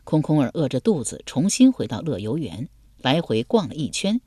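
A woman narrating a historical novel as an audiobook, in an expressive storytelling cadence. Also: very deep voice, normal speed, husky, dry recording, studio quality.

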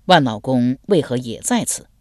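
A woman narrator voicing a guarded young male swordsman who answers in short, flat replies. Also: extremely low pitch, normal speed, no room sound, clean studio sound, pitched below the performer's own voice.

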